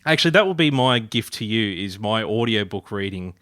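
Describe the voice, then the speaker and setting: A man's voice: fairly low pitch, expressive, brisk, a bit bright, no echo, clean studio sound. A man from Ireland, hosting a podcast in a playful, rambling casual chat. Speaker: podcast host.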